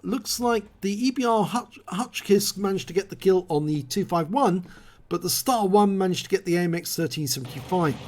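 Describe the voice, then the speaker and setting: At a moderate pace, a man with a high voice calmly calls and explains a video game replay. A recent cold has left him hoarse.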